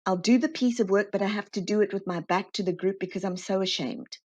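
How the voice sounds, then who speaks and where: A woman guest in an interview, explaining her work in a lively way and acting out the dialogue she quotes. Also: mid-range voice, fast. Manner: animated, acts out quoted dialogue. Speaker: guest, constellation facilitator. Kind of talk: conversational interview storytelling. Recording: slightly dull, muffled audio.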